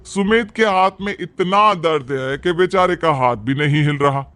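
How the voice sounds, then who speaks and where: A man's voice: fairly high pitch, unhurried, a bit bright, clear, resonant tone, no room sound. A man voicing a strict, bossy middle-aged mother-in-law who scolds and gives orders in a cartoon. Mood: stern. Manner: scolding, commanding. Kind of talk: cartoon voice acting.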